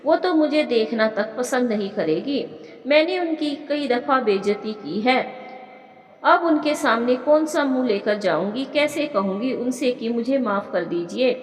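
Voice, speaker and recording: Lady reading a guilty young wife in a storybook, slightly high voice, echoey room with a long tail. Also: animated, measured pace. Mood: anxious. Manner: anxious, self-reproaching. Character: remorseful young daughter-in-law, guilt-ridden.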